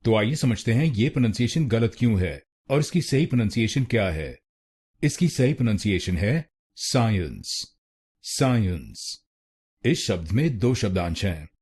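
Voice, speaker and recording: Indian-accented man, pronunciation teacher, unhurried, low lively voice. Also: husky. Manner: slow, deliberate, repeats words syllable by syllable. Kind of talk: instructional pronunciation tutorial.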